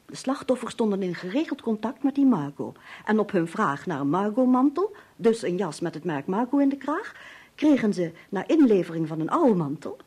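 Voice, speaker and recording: A woman's voice: medium pitch, big pitch swings, normal speed, darkish tone, breathy edge. An actress in a 1950s radio drama, playing a composed, resourceful woman who helps a detective and explains things steadily. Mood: calm, explaining. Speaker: detective's wife in a radio play.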